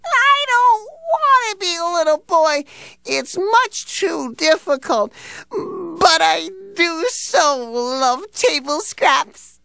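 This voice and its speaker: A woman voicing an eager, polite young male dog in a cartoon, with a gravelly, earnest voice that turns whiny when upset. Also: high voice, big pitch swings, a little slow, fairly bright tone, no room sound, exaggerated voice. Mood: whimpering. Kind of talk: cartoon voice acting. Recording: music underneath.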